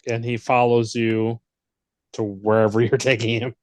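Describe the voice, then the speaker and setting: A man narrating as game master of a tabletop role-playing game, relaxed and quick to laugh. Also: mid-range voice, slight background noise.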